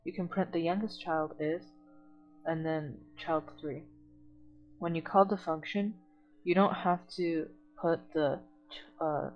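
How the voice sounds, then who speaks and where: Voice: mid-range voice, poor audio. A tutor in an online coding lesson who reads documentation aloud and then explains it plainly, step by step.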